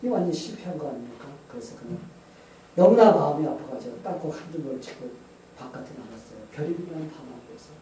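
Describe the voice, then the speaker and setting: A man's voice: on the high side, expressive, fast, mellow. A male pastor preaching a sermon, telling a story with rhetorical questions to the congregation. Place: church sanctuary. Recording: echoey church hall, far mic, faint noise.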